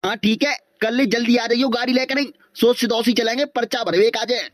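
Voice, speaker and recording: A woman's voice: fairly high pitch, fairly even intonation, a little fast, dry recording, studio quality, lightly acted. A woman voicing a wily old male village candidate in a comic cartoon, fawning and full of promises.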